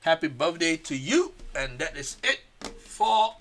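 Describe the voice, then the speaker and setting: A man hosting a card break, casually reading out player names one by one, his voice a bit hoarse. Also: on the high side, very animated, unhurried, a bit bright, a little hiss or hum.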